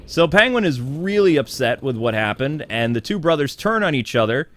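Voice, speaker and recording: A man's voice: fairly high pitch, very animated, normal speed, dry recording. Chatty, opinionated man reviewing a cartoon. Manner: chatty and opinionated, with frequent fillers and laughs. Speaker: TV show reviewer. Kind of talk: casual spoiler review of a cartoon episode.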